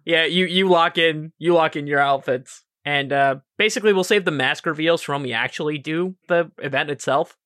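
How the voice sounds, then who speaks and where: A man acting as game master for a tabletop podcast, relaxed and rambling, laughing often. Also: on the high side, normal speed, few pauses, no room sound, studio quality.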